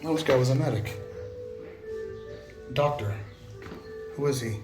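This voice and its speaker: Over background music, a travel vlogger leads a casual walking tour through indoor and courtyard museum rooms. His medium-pitched voice moves a little slowly and keeps cracking as he thinks aloud, full of fillers and restarts.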